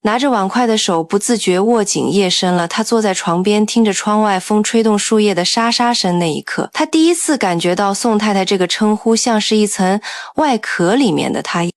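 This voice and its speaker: A woman narrating a scripted audiobook story in a steady, even storytelling manner. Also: mid-range voice, moderate pace, few pauses, dry recording, clean studio sound.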